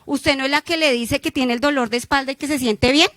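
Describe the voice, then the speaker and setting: A woman's voice: high voice, brisk, dry recording. A woman giving a conference talk, telling a story and acting out the dialogues. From Colombia. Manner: animated storyteller, acts out dialogues. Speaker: conference speaker.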